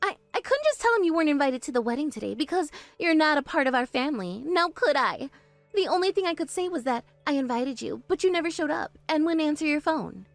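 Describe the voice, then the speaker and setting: A woman voicing a spoiled, bossy young bride in an animated story, talking in a shrill, demanding way. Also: fast, no room sound, faint music behind.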